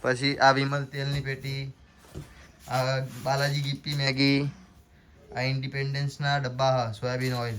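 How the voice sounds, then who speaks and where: Chatty shopkeeper vlogging. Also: male voice, mid-range voice, completely flat delivery, measured pace, a bit bright, slight background noise, rough recording. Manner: chatty, keeps addressing viewers as guys. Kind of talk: casual vlog commentary. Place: small shop and storeroom.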